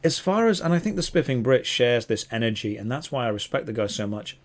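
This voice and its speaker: A man's voice: medium pitch, very animated, quick pace. Rambling, enthusiastic male podcast co-host. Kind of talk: casual podcast chat.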